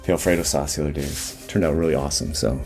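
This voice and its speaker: A man giving relaxed, rambling voice-over commentary on his 3D modeling timelapse, with lots of fillers and restarts. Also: a bass voice, racing. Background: faint background music.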